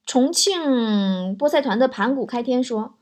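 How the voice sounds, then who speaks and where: High-voiced playful woman host. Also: animated, measured pace, a little mellow. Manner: playful, teasing. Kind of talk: reading out listener messages with comic remarks.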